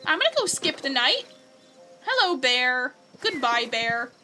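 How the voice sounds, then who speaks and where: A young woman with a high, bright voice chats her way through a game, giggling and reading out chat. Her talk is loose and bubbly. Soft game music plays underneath. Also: big pitch swings, unhurried. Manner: chatty and giggly, coos at pets. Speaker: gaming streamer.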